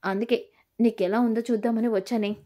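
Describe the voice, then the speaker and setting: A woman's voice: fairly high pitch, steady tone, brisk, dark tone, natural voice. A woman voicing a spiteful scheming young villainess. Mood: taunting. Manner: taunting, sneering.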